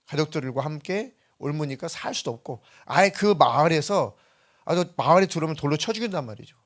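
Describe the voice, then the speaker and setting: A male pastor preaches a Sunday sermon in a church. His voice sits fairly high. He drives each point home with emphatic delivery and rhetorical questions. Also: expressive, a little fast. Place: church sanctuary.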